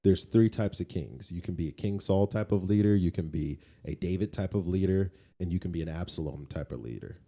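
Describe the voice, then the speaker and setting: This man co-hosts a podcast, and his mellow, low voice moves a little fast with few pauses. He explains things in a conversational, opinionated manner, often turning to ask the listener if they're following.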